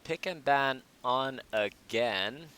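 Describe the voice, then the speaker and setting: Bright-voiced young caster. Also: male voice, medium pitch, animated, takes it slowly, clear, resonant tone. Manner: analytical, restarts phrases while thinking aloud. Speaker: esports caster. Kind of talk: live game commentary.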